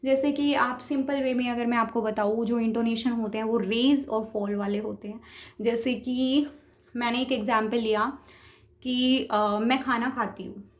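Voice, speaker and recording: A woman teacher lectures patiently, sounding out example words and breaking each idea into steps. Her voice sits a little high. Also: fairly even intonation, measured pace. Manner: patient, explains step by step with spoken examples. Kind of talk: lecture on speech, mixing Hindi and English terms.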